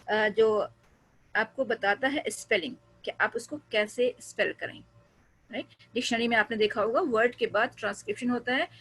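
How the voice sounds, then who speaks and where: Husky woman teaching English pronunciation. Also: on the high side, a bit bright, poor audio. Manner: explains slowly, drawing out sounds and repeating them; switches between Hindi and English. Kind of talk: online pronunciation lesson.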